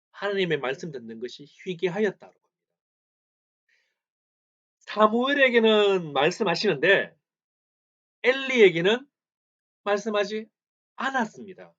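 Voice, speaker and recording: Male preacher, fairly high voice, rhetorical questions and repeated lines, sermon recorded in church. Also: fairly bright tone. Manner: asks the congregation questions and answers them himself; repeats phrases for emphasis. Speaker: pastor. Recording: slightly dull lo-fi recording.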